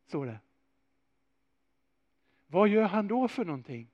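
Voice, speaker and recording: A man preaching a sermon, telling a story with animated swings and rhetorical questions. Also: high voice, dry recording, highs cut off.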